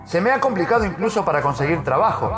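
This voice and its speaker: A man's voice: fairly high pitch, very animated, fast. An actor playing an earnest, plaintive man with a Rioplatense Argentine accent, his voice trailed by a delayed echo, in mock documentary testimony.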